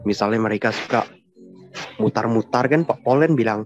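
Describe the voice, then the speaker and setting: A man's voice: lowish voice, normal speed, darkish tone, highs cut off. A man calling into a live discussion, polite and hesitant, asking questions. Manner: polite, hesitant, keeps saying "Pak Paul". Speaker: caller. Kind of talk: polite questioning on a video call.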